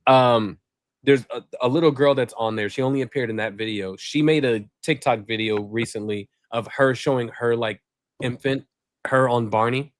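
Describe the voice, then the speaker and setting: A man's voice: mid-range voice, normal speed, dry recording, studio quality. A man hosting a casual group chat over a video call, rambling with fillers and laughing often. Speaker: podcast host.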